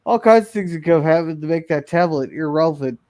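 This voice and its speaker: A man's voice: on the high side, lively intonation, fairly quick, a little mellow, dry recording. A man co-hosting a live-streamed classic TV review show, chatting casually with frequent restarts and fillers.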